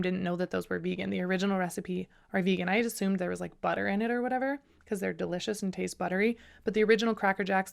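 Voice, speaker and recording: A woman's voice: medium pitch, gravelly. A young woman hosting a solo podcast, talking in a chatty, bubbly way with lots of asides. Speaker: podcast host. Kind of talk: casual solo podcast chat.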